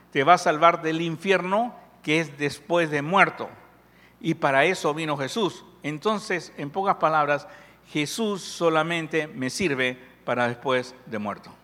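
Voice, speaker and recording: A man from Peru gives a sermon in an easy, talkative way, tossing questions and jokes to his listeners. His voice sits a bit high and sounds bright and forceful. It rings out with a long reverb, as in a big hall. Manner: conversational, jokes with the audience, asks questions. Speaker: preacher.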